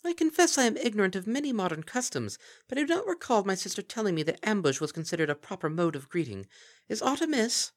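A man's voice: sits high, big pitch swings, fast talker, voice pushed up. A man voicing a tall, composed princess alicorn who speaks in a formal, old-fashioned way. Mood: dignified.

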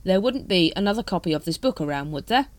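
A woman's voice: fairly low pitch, expressive, quick pace, natural voice. A tired, sardonic captain of the watch, read by a woman talks with resigned dryness. The storybook voice moves up and down expressively, in a close, echo-free recording. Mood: weary. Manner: world-weary, dry, resigned.

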